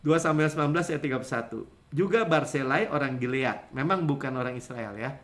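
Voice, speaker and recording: A man preaching a sermon as pastor, in a lively conversational way, acting out other people's voices. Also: medium pitch, fast talker.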